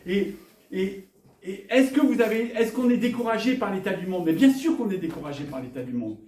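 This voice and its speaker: A man from northern France preaching a lively sermon with rhetorical questions and jokes for the congregation. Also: high-pitched, fairly quick, distant mic. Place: church hall. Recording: echoey church hall, from afar.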